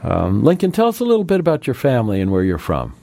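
A man hosting a religious radio program, telling a story in a gentle, measured way and then talking with a guest. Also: mid-range voice, wildly swooping pitch, gravelly, no echo, clean studio sound. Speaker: radio Bible program host.

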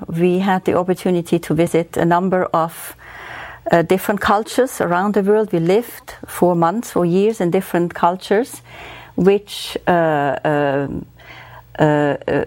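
A woman's voice: on the low side, a little mellow, no room sound. A woman from Switzerland whose first language is German, speaking as a music professor in a radio interview, thoughtful and full of hesitations.

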